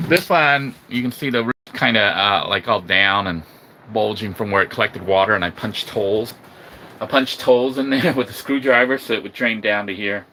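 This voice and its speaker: Bright-voiced man in a rambling casual walkthrough. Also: lowish voice. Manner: informal, rambling, hesitant delivery with repeated 'you know'. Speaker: vlogger giving a home update. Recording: faint background noise and ambience.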